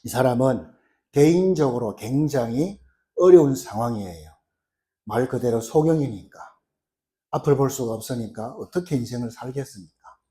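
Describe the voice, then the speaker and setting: A man's voice: mid-range voice, dark tone. A man preaching a sermon as pastor, telling a story with frequent "uh" fillers and building force. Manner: storytelling, acting out quoted cries with rising force. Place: church sanctuary.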